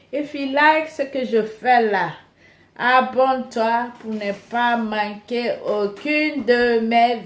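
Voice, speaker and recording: A tired woman cooking and vlogging, chatting playfully to her viewers and to herself. She speaks slowly in a somewhat high voice with a gravelly edge. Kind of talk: casual vlog chat, switching between languages.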